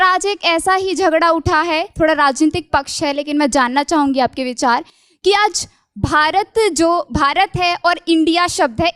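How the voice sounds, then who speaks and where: A woman's voice: very high-pitched, a bit bright, no echo, studio quality. A young woman student asking a formal, polite question at a college talk, respectful and admiring. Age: young adult. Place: college hall.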